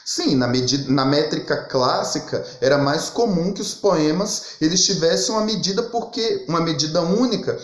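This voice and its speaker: A man teaching a literature lesson, reading verse lines aloud and counting syllables in a slow, methodical way. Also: a little high. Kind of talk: recorded lesson explaining poetic meter. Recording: echoey room.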